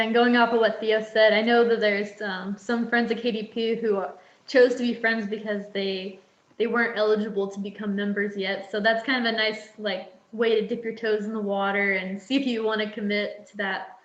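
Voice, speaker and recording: A woman with a flat, even voice speaks from an echoey room over a dull, lo-fi call. She agrees with and builds on what others say, in a steady way. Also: mid-range voice, moderate pace. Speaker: chapter member. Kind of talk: casual online meeting talk.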